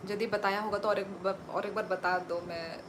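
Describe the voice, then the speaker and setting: A woman's voice: mid-range voice, fairly even intonation, normal speed, background noise. A young woman from Tripura, India, hosting a casual phone livestream, chatting, teasing viewers and laughing often as she reads their comments. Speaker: livestream host. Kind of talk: casual live-stream chat reading viewer comments.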